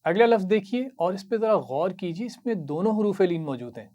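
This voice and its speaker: A man with an Urdu accent teaching Quran reading, patiently explaining each word, reciting it slowly and praising the learner. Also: sits high, animated, warm tone. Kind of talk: slow instructional lesson.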